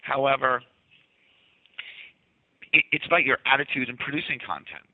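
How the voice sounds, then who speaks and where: Here a medium-pitched man speaks at a moderate pace on a dry, tinny phone-like line. He's a marketing agency owner with a light Boston accent, a guest in his office for a casual interview, and he explains his marketing ideas enthusiastically, often restarting and repeating words.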